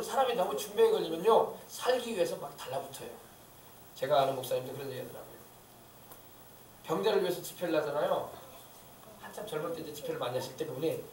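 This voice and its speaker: A man's voice: high voice, darkish tone, a little hiss or hum. A male pastor preaching a sermon in a church, fervent and emphatic, with many rhetorical questions to the congregation. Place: church sanctuary. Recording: echoey church hall, mic at a distance.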